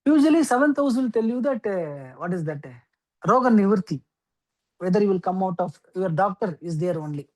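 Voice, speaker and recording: A woman teaching an astrology class, explaining step by step with frequent okays and pauses. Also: medium pitch, expressive, darkish tone, poor audio. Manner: explains slowly with many okays and fillers. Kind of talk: lecture.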